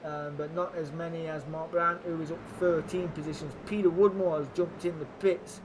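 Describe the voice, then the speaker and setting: A man with a slightly high voice works as a motorsport commentator on a live stream. He calls the race play-by-play in an informal, matey and excitable way, slipping into casual chat. A faint steady hum sits behind him. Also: moderate pace. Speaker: sim racing commentator and streamer.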